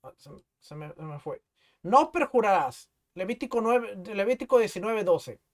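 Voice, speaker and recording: A man with a notably high-pitched voice teaches from scripture as a pastor, with a Mexican Spanish accent. He reads verses aloud and explains them patiently, often repeating himself as he looks for his place. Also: expressive, normal speed. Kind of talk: teaching sermon with scripture reading.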